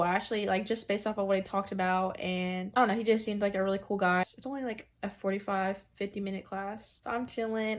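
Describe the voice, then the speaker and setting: A young adult woman, a student vlogger, chatting casually to the camera in an informal, slangy, rambling way. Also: mid-range voice. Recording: noticeable background ambient noise.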